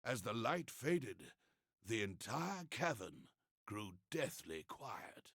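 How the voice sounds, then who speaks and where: A man doing a husky, gravelly game narrator. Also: mid-range voice, sing-song, takes it slowly, fairly bright tone, no room sound, clean studio sound, exaggerated voice. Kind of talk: dramatic reading of game narration.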